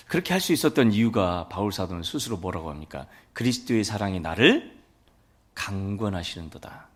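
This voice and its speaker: A man's voice: on the low side, slightly rough. A man preaching a sermon as a pastor, telling folksy stories and acting out family dialogue. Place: church sanctuary.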